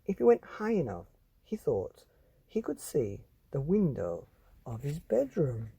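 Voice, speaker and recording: Dark, husky-voiced man telling bedtime stories. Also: on the high side, wildly swooping pitch, dry recording. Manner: addresses children directly, dramatic drawn-out phrasing with whispers. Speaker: bedtime story podcast host and reader. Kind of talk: children's bedtime storytelling.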